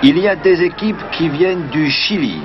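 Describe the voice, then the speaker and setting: A man's voice: on the high side, moderate pace, over music, a crowd in the background. A male reporter giving a scripted news narration in an informative, announcing tone. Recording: muffled old news recording.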